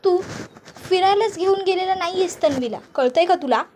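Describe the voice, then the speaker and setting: A woman's voice: extremely high pitch, a little fast, a little mellow, a little hiss or hum, pitched above the performer's own voice. A woman voicing a stern middle-aged mother-in-law who scolds and gives orders. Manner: scolding, commanding.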